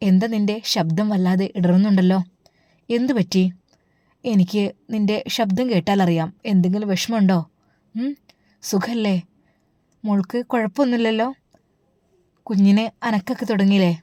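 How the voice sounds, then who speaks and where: Woman doing older mother, tender, pleading, affectionate, mellow voice, dry recording. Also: medium pitch, steady tone, normal speed, long pauses, no room sound, lightly acted. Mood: worried. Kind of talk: storybook dialogue.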